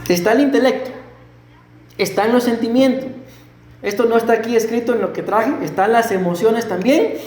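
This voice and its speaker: A middle-aged man preaching a sermon as pastor, animated and full of rhetorical questions to the congregation. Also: high-pitched, a little hiss or hum. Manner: acts out quoted voices and a stutter. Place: church sanctuary. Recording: echoey church hall.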